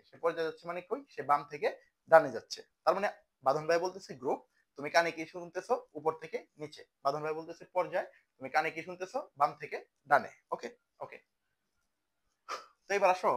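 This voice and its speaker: A young male chemistry tutor, his voice fairly high and a bit bright, runs a laid-back lesson. He speaks conversationally and tends to ask questions that he then answers himself.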